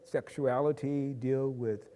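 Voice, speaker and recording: Measured man, mellow voice, roomy. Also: mid-range voice, fairly even intonation, slight background noise. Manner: measured, explanatory, frequent "uh" pauses. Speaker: discussion panelist. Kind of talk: reflective group discussion.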